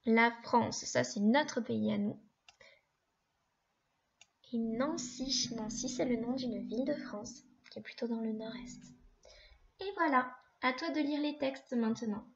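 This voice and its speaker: A woman teaching a young child to read, saying each word slowly and clearly with patient explanations. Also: fairly high pitch, muffled recording. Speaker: primary school teacher. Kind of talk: slow reading lesson for a young child.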